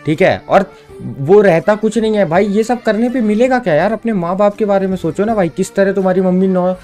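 A man's voice: high voice, a little fast, darkish tone, faint music behind. A young man scolds a friend in a casual gaming vlog chat and keeps saying "bhai" and "yaar". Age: young adult. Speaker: gaming vlogger.

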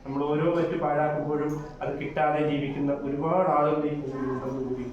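A man playing a kind, earnest schoolteacher who coaxes his pupils gently and then lectures them on right and wrong, recorded from a distance in a very echoey room. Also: a little high, little pitch movement, a little fast, lo-fi sound, a little hiss or hum, close to an everyday voice. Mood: consoling, preachy. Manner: gentle, coaxing, moralizing. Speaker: teacher. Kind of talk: amateur short-film acting. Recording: echoey room, mic far off.

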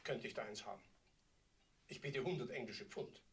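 An actor playing a polite, ingratiating rich baron in a 1980s TV drama. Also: male voice, mid-range voice, moderate pace, gravelly, slight background noise, natural voice. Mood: smooth. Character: smooth, condescending rich baron.

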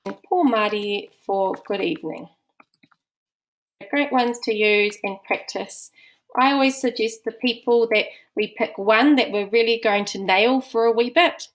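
A woman with a New Zealand accent leads a recorded course lesson. Her voice sits a little high, and she explains patiently, one point at a time. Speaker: language teacher.

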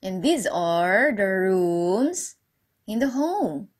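A woman's voice: medium pitch, sing-song, drawn-out words, husky. A woman teacher telling a story to young children, asking the class questions, repeating key words and praising their answers. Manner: praising, encouraging.

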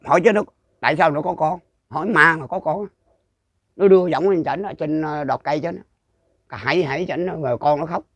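An older man with a Southern Vietnamese accent spins a rural ghost story, circling back and repeating himself as he goes. His voice sits a little high, and it is recorded dry and close with no room echo. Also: brisk, a bit bright. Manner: rambling, repetitive, with frequent restarts. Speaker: storyteller interviewee. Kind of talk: casual folk storytelling.

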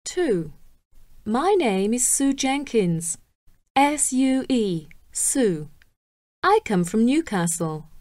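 A woman with a high, lively voice reads a scripted listening exercise. She goes extremely slowly and spells out names letter by letter, in a dry, close recording. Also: no room sound. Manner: very slow, carefully enunciated, spells out names. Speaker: exam recording reader.

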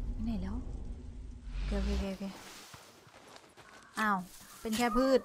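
A woman talks her way through a game in loose commentary, voice bright and a touch high. She gets excited fast and swears and mutters at what happens on screen. A faint hiss of noise sits behind her. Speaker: gamer playing a let's-play.

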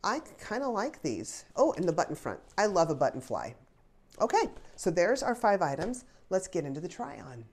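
In a small pink bedroom, a woman in her 50s unboxes clothes and tries them on, chatting and thinking aloud with little laughs. Her lowish voice has a sing-song lilt, a slightly mellow quality and a normal pace, with a stuffy edge from congestion. A lapel mic is clipped on for this casual try-on vlog.

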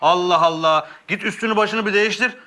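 An actor playing an exasperated, sarcastic young son in a sitcom. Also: male voice, high voice, fairly quick, bright, forceful tone, slight background noise. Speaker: barber's son. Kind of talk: sitcom acting.

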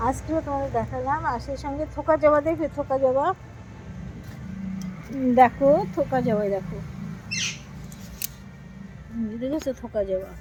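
This woman's high voice moves at a moderate pace with frequent pauses, and the recording is muffled with noise behind it. In her home garden, she hosts her own vlog page, casually and effusively showing viewers around and repeating herself a good deal.

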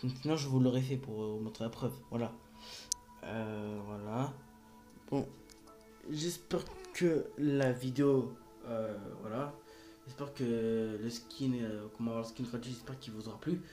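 A man's voice: medium pitch, measured pace, dark tone, soft background music. A man hosting a casual gaming tutorial vlog, hesitant and rambling, with many fillers and restarts, recorded on a phone. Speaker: gaming video host.

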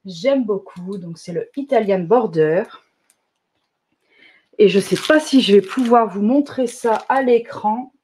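A woman running a live shop presentation, chatty and enthusiastic, often filling pauses with little interjections. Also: medium pitch, darkish tone, husky. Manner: chatty, enthusiastic, fills pauses with "hop" and "euh". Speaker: shop owner presenting new products. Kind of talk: live product demonstration.

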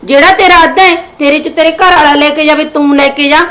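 An actress playing an argumentative young wife with two children in a Punjabi village family drama, nagging in a Punjabi accent. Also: female voice, high-pitched, fairly even intonation, fast talker, a bit bright. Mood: quarrelsome. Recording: echoey room, faint noise.

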